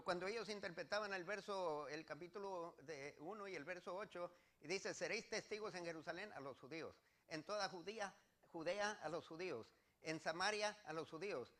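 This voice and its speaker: A man's voice: fairly high pitch, a bit bright. A man from Mexico, preaching a sermon as pastor and reading scripture verses with earnest repetition.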